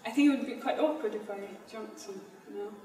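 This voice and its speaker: Woman performer addressing a live crowd; halting, casual delivery, slightly high voice, caught from far back in a reverberant hall. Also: darkish tone. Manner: halting and informal, explains instructions slowly. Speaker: performance artist. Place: stage in a hall before an audience. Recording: echoey hall recorded from far off.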